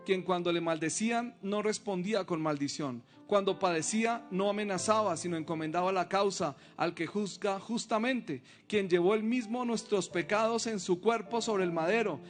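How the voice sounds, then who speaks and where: Pastor guy w a high voice preaching, reads scripture, asks the crowd questions, soft music behind. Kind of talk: sermon.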